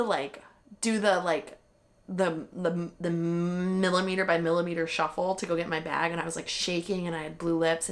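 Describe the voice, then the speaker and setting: A young woman talks straight to camera as a vlogger, candid and chatty, with lots of "like" and some swearing. Her voice sits a little low for a woman. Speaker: vlogger recapping a marathon. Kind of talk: casual chat.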